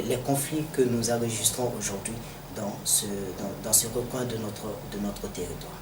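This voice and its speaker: A man from Mali with a Malian French accent gives formal political analysis in a deliberate, didactic manner, repeating phrases for emphasis. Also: mid-range voice. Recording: echoey, distant mic, noisy background.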